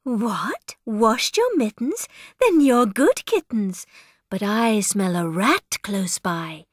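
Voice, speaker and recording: Woman playing stern mother cat, slow and expressive, dry studio. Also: fairly high pitch, dry recording, full character voice. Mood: scolding. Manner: scolding, then soothing.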